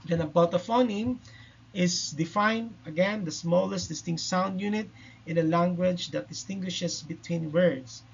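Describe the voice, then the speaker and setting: A man's voice: sits high, measured pace, gravelly, husky. A man teaching a linguistics lecture, explaining step by step and checking in with "no?" and "okay?" tags. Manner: explanatory, with frequent "no?" and "okay?" check-ins and "uh" fillers. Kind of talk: recorded lecture. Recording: dull lo-fi recording.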